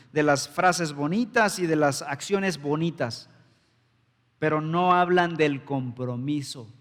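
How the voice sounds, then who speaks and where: A male pastor delivers an emphatic sermon, firing rhetorical questions at his congregation. His voice sits a little high for a man. The sound carries a long church-hall reverb. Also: fairly bright tone. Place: church sanctuary.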